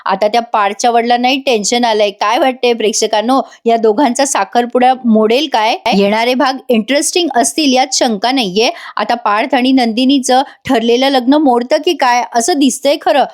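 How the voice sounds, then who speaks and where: A woman's voice: fairly high pitch, normal speed, few pauses. Chatty woman recapping a serial. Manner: chatty, addresses viewers directly. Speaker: TV serial reviewer. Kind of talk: voice-over episode recap.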